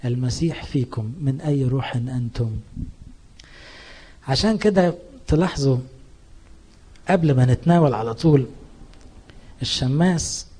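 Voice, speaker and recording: A man preaching a sermon in an Egyptian accent, his voice mellow and soft-edged. He is a priest speaking earnestly and with emphasis, lifting his voice whenever he quotes scripture. The grain of his tone has a husky, breathy texture. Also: mid-range voice, animated, moderate pace, pauses often. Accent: Egyptian Arabic.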